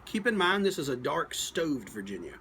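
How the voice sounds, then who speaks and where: A man giving a casual, unscripted product review, thinking aloud in a halting, folksy, plain-spoken way. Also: on the high side, big pitch swings, creaky, noisy background. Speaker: pipe tobacco reviewer.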